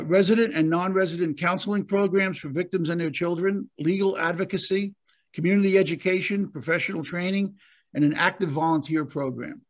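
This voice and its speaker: A man, a county prosecutor, hosting a virtual conference over a video call while losing his voice, speaking haltingly with frequent fillers and restarts. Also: on the high side.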